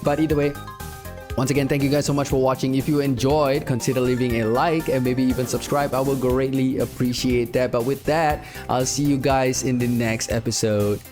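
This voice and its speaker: A man with a nasal, croaky voice, sick but chatty, rambling through casual gameplay commentary. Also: medium pitch, fairly even intonation, moderate pace, over music. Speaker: gaming youtuber.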